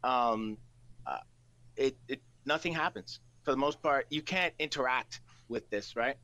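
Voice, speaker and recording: A man improvising narration as game master of a tabletop game, halting and thinking aloud as he goes. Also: mid-range voice, sharp tone, no echo. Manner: hesitant, halting, piecing rules together aloud.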